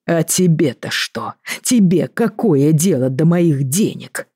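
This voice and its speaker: A cold, contemptuous sick man, put on by a woman narrator, rasping out slow, curt words in a hoarse, wheezy voice. His tone stays flat and dismissive, and the recording is dry and close. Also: low-pitched, dry recording, full character voice. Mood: cold scorn. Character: ailing middle-aged man, cold and contemptuous.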